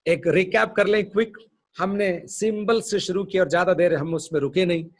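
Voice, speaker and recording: A middle-aged pastor from India preaching a sermon, telling a personal story and acting out the dialogue with lively shifts of voice. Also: male voice, moderate pace. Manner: animated storyteller, acts out dialogue with shifting pitch.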